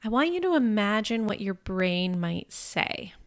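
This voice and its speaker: A young adult woman, a financial coach, hosts a money podcast in a casual, upbeat, conversational coaching tone. Her medium-pitched, unhurried voice swings widely in pitch and sounds congested and a little groggy. She frequently checks in with "right?"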